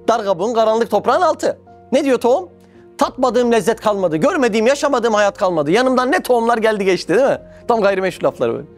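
A man giving a religious talk, telling stories with lively acted-out voices and repeated exclamations. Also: high-pitched. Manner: animated storytelling, acts out voices, repeats "Allah Allah". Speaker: preacher.

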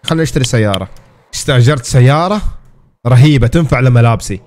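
A man's voice: mid-range voice, expressive, fast talker, a little mellow, a little hiss or hum. A man giving casual, exclamatory commentary as he plays a game and talks to his viewers. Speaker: gaming streamer.

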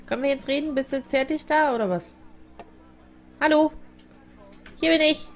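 A woman's voice: sits high, normal speed. A German woman chatting playfully over her gameplay, talking to the characters, with game music behind. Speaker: let's play host. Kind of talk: casual gameplay commentary.

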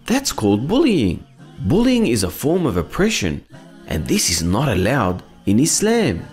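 A man's voice: mid-range voice, huge pitch swings, a little slow, a little mellow, husky, faint music behind, exaggerated voice. A man voicing a kind, wise cartoon friend who guides children in an earnest, encouraging, instructive way. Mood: earnest teaching. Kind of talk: children's educational cartoon acting.

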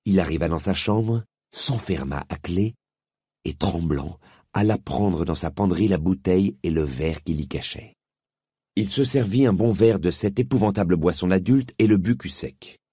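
A man narrating an audiobook with measured, expressive storytelling. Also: sits low, slightly rough, no echo, clean studio sound.

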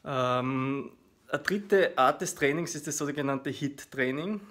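A man in his thirties with an Austrian German accent casually explains his workout to camera, in a hesitant, explanatory way with frequent filler pauses. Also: mid-range voice, fairly bright tone. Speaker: fitness vlogger. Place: small living room at home, indoors. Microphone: phone at arm's length.

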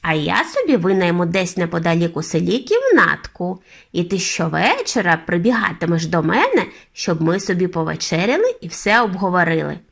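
A woman reading an audiobook and voicing an elderly grandmother who speaks calmly and deliberately. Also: lowish voice, vocal fry, slightly rough, full character voice. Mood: brisk. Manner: measured, unhurried, knowing. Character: calm, determined elderly grandmother.

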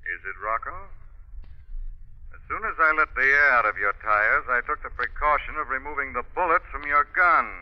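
An actor playing a menacing, mocking crime fighter in a theatrical, deliberate 1940s radio style. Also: male voice, mid-range voice, close to an everyday voice. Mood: mocking, triumphant. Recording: dull vintage 1940s radio recording.

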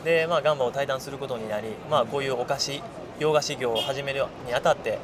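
A man in his thirties answers with polite, careful phrasing at a fast pace. He speaks into a lapel mic on a cafe terrace. Clear background noise runs under his voice. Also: mid-range voice. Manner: polite, measured. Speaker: former player, company director guest. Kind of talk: interview answer. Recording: noisy terrace behind.

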